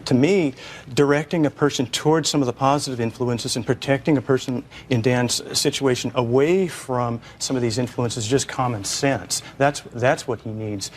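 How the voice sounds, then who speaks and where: A man giving a measured, earnest statement in court. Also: mid-range voice, slight background noise.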